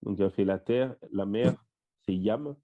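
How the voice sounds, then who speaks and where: A man leading an online Bible study over a shared screen, listing word meanings one by one with plenty of fillers. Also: on the low side. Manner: lists word meanings in a slow, step-by-step way with fillers. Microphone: voice-call microphone. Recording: dull lo-fi voice-call audio.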